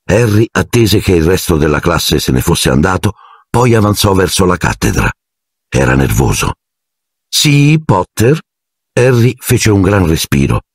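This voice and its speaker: A man narrating an audiobook in an expressive, measured storytelling manner. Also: sits low, slightly rough, no echo, studio quality. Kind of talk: scripted narration.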